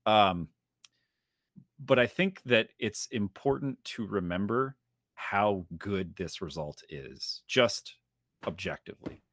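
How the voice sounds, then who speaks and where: A young man hosting a casual esports podcast, talking fast and joking around. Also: on the low side, no echo, studio quality. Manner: energetic, jokey, fast-talking. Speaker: podcast host.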